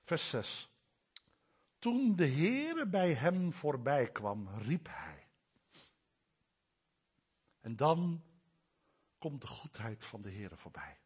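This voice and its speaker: Male preacher, husky and high, animated sermon delivery, slow and emphatic. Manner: animated, swings from soft low asides to loud raised declarations.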